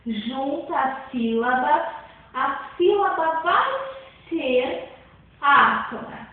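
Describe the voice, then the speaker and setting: A woman teacher explaining a grammar lesson slowly, often repeating points and checking that listeners follow. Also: high-pitched. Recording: far-off echoey room, phone-like sound.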